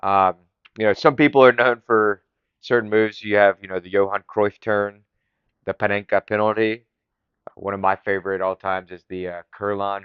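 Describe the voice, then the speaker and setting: Enthusiastic man with a low smooth voice. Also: no room sound, lo-fi sound. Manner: enthusiastic, rambling, frequent fillers and restarts. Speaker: podcast host. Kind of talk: casual solo podcast monologue.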